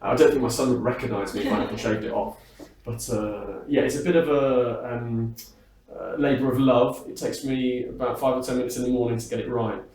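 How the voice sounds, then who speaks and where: A British singer and entertainer is interviewed backstage at a music hall, his mid-range, slightly mellow voice steady in tone and a bit fast. He chats casually, rambling and poking fun at himself with frequent hesitations. The room echoes and the mic sits at a distance.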